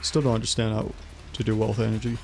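A man's voice: lowish voice, completely flat delivery, fast talker, gravelly, a little mellow, faint music behind. A man streaming a video game, thinking aloud and muttering to himself as he plays. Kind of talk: casual gameplay commentary.

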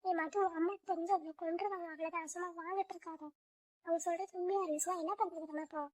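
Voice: extremely high pitch, steady tone, racing, a little mellow, no room sound. A girl voicing a bold young girl who tells the others about the haunted house and urges them to run. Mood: secretive. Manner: urgent, bossy when giving orders.

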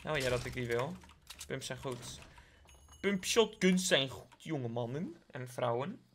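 A man's voice: mid-range voice, expressive, measured pace, a bit bright. A young man from the Netherlands with a Dutch accent, giving playful live gameplay commentary, joking with his viewers and dropping English slang. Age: young adult. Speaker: gaming YouTuber.

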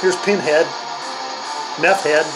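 A man's voice: fairly high pitch, fairly even intonation, slow pace, rough recording. An older man hosting a comedic reaction video, grumbling and mocking in a crude, profane way. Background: heavy metal music playing.

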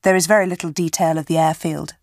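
A woman with a slightly low voice gives a methodical description of an image. She sounds matter-of-fact, and the recording is dry and free of room sound. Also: fairly even intonation, fast talker, dry recording. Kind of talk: descriptive explanation of a picture.

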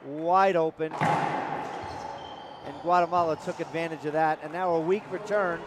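A man's voice: fairly high pitch, steady tone, measured pace, background noise. A man with a New York accent giving live sports commentary, chatty and explaining the plays as he goes. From New York area.

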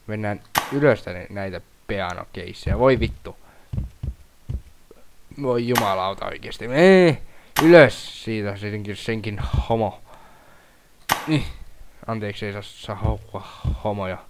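A young man giving loud, profane let's-play commentary, shouting at the game and laughing at his failures. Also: lowish voice, pauses often, a little hiss or hum. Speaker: gaming YouTuber.

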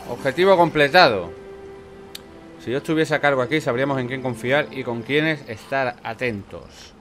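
A man's voice: medium pitch, normal speed, fairly bright tone, soft background music. A man with an accent from Spain giving casual let's play commentary, swearing freely and talking back at game characters. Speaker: gameplay commentator.

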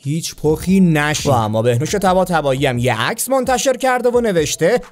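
A man narrates celebrity gossip with a mocking, wry edge. His voice sits a little high. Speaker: news roundup host.

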